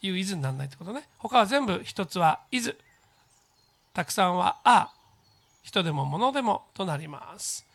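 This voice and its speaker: A teacher giving a recorded grammar lesson to junior high students, explaining patiently with many fillers and saying English model phrases slowly for repetition. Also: animated, creaky, a bit bright.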